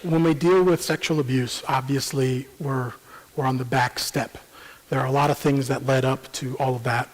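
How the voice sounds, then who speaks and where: A man presenting a parenting seminar in a church, explaining at a measured pace with frequent ums and uhs. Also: mid-range voice, steady tone. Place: church sanctuary. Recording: long church hall reverb.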